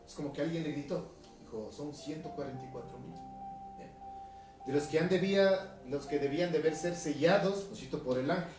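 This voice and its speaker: A male pastor from Ecuador with a highland Ecuadorian accent, preaching a conversational sermon, reading scripture aloud and often asking his listeners questions. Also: a little fast. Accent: Ecuadorian highland Spanish. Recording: echoey room from a distance, music behind.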